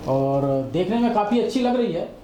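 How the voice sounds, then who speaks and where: A man's voice: sits high, animated, normal speed, dark tone, a little hiss or hum. A man hosting a casual film review chat who speaks hesitantly with many fillers, often murmuring agreement. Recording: echoey room.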